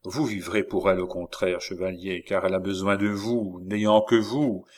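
A man playing a calm, imperious count who hypnotizes people, speaking in measured commands. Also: sits low, lightly acted.

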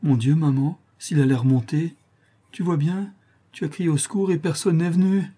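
A man's voice: on the high side, normal speed, warm tone, slightly rough, voice pushed up. A man voicing a frightened young daughter who begs to leave. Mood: fearful. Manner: pleading, frightened. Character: fearful trembling young woman, a daughter.

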